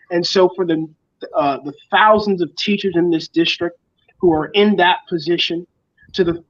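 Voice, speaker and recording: A man's voice: a little high, highs cut off. A young man from the Bahamas, a school board candidate, speaks confidently in a campaign interview. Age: young adult. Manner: confident, speech-like campaign delivery.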